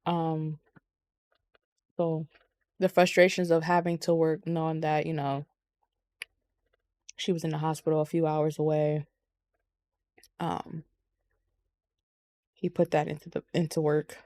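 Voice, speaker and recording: A woman's voice: low-pitched, flat delivery, a little slow, pauses often, a little mellow, no echo. A woman co-hosting a podcast, chatting casually about wrestling with lots of ums and swearing. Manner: rambling, profane, frequent ums. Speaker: podcast co-host.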